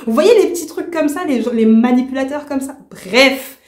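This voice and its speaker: A woman vlogger casually reviewing a book, indignant and animated, with slangy talk. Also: high voice, normal speed. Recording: roomy echo.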